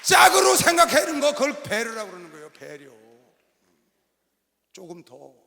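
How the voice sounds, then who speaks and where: A middle-aged man preaching a sermon as pastor, telling stories with animated delivery and sudden bursts of shouting. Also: very high voice, moderate pace, vocal fry. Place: large arena hall. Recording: long reverb of a large arena hall.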